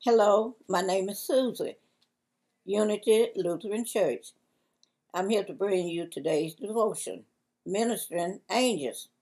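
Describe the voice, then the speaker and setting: An older woman with a Southern US accent, slowly and carefully reading a church devotion in a library on a lapel mic. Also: medium pitch, warm tone, low-quality recording. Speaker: devotion reader.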